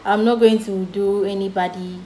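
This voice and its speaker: A woman's voice: medium pitch, fairly even intonation, moderate pace, mellow. A young woman with a Ghanaian English accent telling a storytime vlog in a chatty way, laughing off serious things. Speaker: vlogger. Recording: echoey room with faint background noise.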